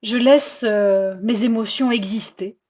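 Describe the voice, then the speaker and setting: Husky-voiced woman telling a personal story. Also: fairly high pitch, measured pace. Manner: chatty, self-mocking and expressive. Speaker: podcast host.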